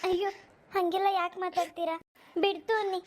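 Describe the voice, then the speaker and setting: A woman voicing a poor, abandoned young mother in a cartoon, speaking softly and respectfully. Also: extremely high pitch, flat delivery, fairly quick. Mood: caring. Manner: soft, pleading and respectful. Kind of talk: cartoon voice acting.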